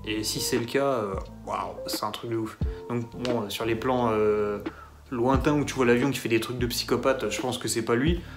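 A man's voice: medium pitch, steady tone, moderate pace, over music. A man giving a casual solo film review, sarcastic and mocking as he rambles along.

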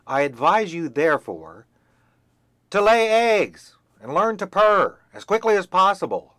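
A man's voice: sing-song, unhurried, sharp tone, dry recording, clean studio sound, heavily acted. A man voicing a bossy, haughty hen who lectures and scolds. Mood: scolding. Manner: scolding, shrill.

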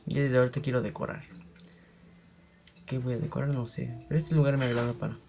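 A man's voice: mid-range voice, little pitch movement, fast, gravelly. A young man, rambling in casual gameplay commentary and voicing digging sounds aloud. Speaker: gaming channel host.

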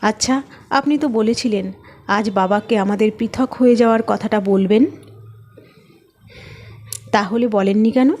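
A woman's voice: mid-range voice, measured pace, long pauses, a little mellow, close to an everyday voice. A woman voicing a timid, anxious young wife who asks pleading questions in a read-aloud story.

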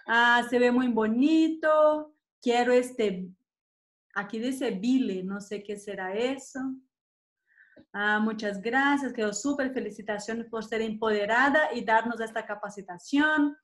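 Hosting a live makeup session over a webcam from a small indoor room, a woman in her thirties from Colombia speaks a little high and a little slowly. She's chatty and keeps checking in with "¿sí?" while sitting at her desk, the mic at desk distance.

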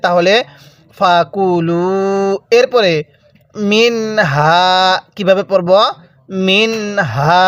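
A man teaching Quran reading, slowly drawing out example words and then explaining the rules. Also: high voice, no echo. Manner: slow drawn-out recitation of example words, then brisk explanation. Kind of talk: recitation lesson, spelling out words.

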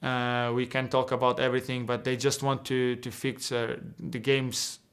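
A young Portuguese-speaking footballer talks over a video call from an indoor locker room, answering interview questions earnestly. His medium-pitched voice is a bit bright and completely flat, at a moderate pace, and he often restarts and repeats words.

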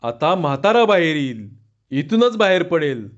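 A rural village man calls out in long, drawn-out shouts, voiced by a male storyteller. His voice sits fairly high. The recording sounds dull and lo-fi. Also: big pitch swings. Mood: plain, earnest.

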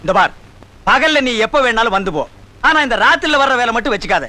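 A man's voice: very high voice, big pitch swings, sharp tone, exaggerated voice. An actor playing a bossy, bragging village exorcist in a Tamil film comedy, scolding and mocking his assistant. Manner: scolding, mocking, quick-tongued.

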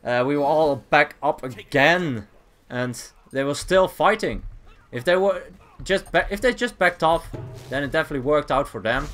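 A man's voice: on the high side, animated, moderate pace, fairly bright tone. Chatty man commenting on gameplay. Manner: casual, chuckling, self-correcting play-by-play. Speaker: gaming channel host. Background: game music.

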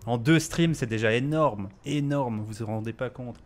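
A man streaming a game live, talking to chat and friends, excitable and swearing often. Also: medium pitch, moderate pace. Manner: excitable, swears a lot, shouts when laughing.

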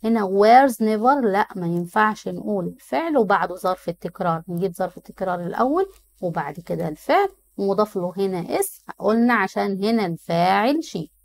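A female English teacher with an Egyptian Arabic accent goes through exam answers, reading the English options slowly before explaining them in Arabic. Her mid-range voice is animated and creaky.

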